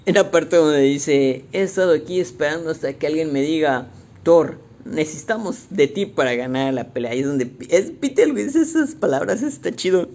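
A young man with a Mexican accent, casually recapping a movie in slangy, animated talk and acting out the quotes. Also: on the high side, moderate pace. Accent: Mexican Spanish.

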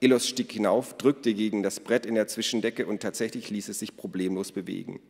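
A man narrating a children's story in a lively storytelling way. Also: fairly low pitch, fairly quick. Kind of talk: audiobook reading. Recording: long reverb.

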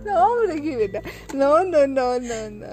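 A woman's voice: high-pitched, very animated, slow, mellow, soft background music. A woman with a Mexican accent co-hosting a podcast, mock-scolding and laughing in casual chat. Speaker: podcast co-host.

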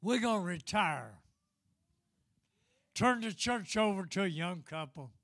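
A man's voice: high voice, animated, a little slow, fairly bright tone, no room sound, clean studio sound. An elderly man preaching a fervent Pentecostal-style sermon in an emphatic, repetitive, folksy way. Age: 70s or older.

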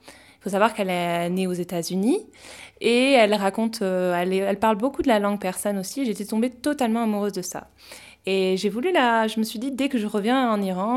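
A woman with a mid-pitched voice introduces her report on a podcast. She talks in a chatty way, with frequent small hesitations. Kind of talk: casual podcast narration.

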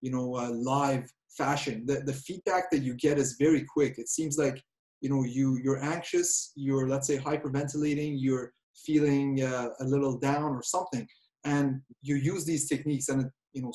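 A man's voice: mid-range voice, steady tone, normal speed, a little mellow. A man hosting an interview, chatting casually and stumbling as he starts his sentences. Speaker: interview host.

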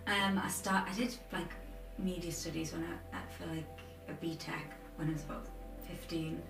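Casual interview guest: woman, 20s, Durham accent, slightly low voice, roomy distant recording over clear music. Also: steady tone, normal speed. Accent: Durham, north-east English. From Durham, England. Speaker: interview guest, aspiring film and TV editor.

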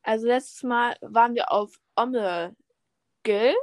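Teen girl rambling with her friend, kinda high voice, dry close sound. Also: slow pace, dry recording. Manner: casual, slangy, trails off and restarts. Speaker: podcast co-host. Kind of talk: casual chat between friends.

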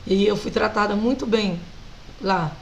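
A Brazilian woman singer with a Brazilian Portuguese accent, animated and laughing often as she tells stories as a guest in a casual interview. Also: mid-range voice, unhurried, creaky, rough recording.

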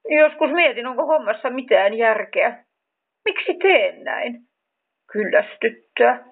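A woman's voice: fairly high pitch, lively intonation, husky. A woman voicing a weary male creature who rolls a dung ball and sighs about his endless work. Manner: sighing, tired, doubting. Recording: tinny phone-like sound.

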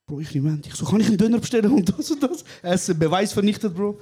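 A man's voice: high voice, racing, slightly rough. A young man with a Swiss German accent, co-hosting a casual podcast recorded live and telling stories animatedly, with 'Bro' in almost every sentence. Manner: animated storyteller, says 'Bro' often. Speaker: podcast co-host. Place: small venue, live recording.

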